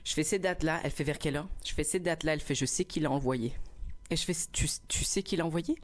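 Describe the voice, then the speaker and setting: A young man telling a story on a live stream in casual chat, animated and laughing often, acting out a quarrel loudly, on a small clip-on mic indoors. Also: on the high side, quick pace. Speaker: livestreamer.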